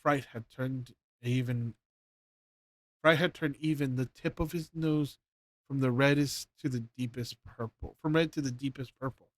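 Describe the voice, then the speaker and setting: A man's voice: mid-range voice, steady tone, measured pace, no room sound. A man casually reading a bedtime story aloud to his stream chat, often stumbling and rereading his lines. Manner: stumbling, rereads and corrects himself.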